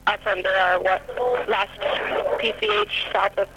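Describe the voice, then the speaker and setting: A woman's voice: mid-range voice, flat delivery, measured pace, over loud music, poor audio. A woman working as a police dispatcher over a police radio transmission. She repeats codes and unit calls back in short, clipped phrases. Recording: static-filled police radio.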